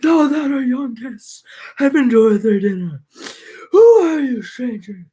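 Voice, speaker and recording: A woman voicing old King Nestor in a high, airy, strained old man's voice, questioning his guests. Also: very animated, unhurried, dark tone, breathy edge, full character voice. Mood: probing. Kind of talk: amateur dramatic reading.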